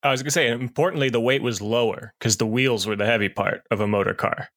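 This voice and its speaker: A man co-hosting a casual podcast, adding relaxed asides and details. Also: mid-range voice, fast talker, no room sound, studio quality. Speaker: podcast co-host.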